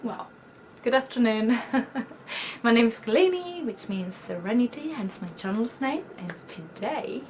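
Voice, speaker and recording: Chatting to camera in a storytime vlog, a young Greek woman with a Greek accent giggles and acts out her own lines as she recounts what happened. She is a young adult with a fairly high voice and a measured pace, and there is a little hiss or hum on the recording.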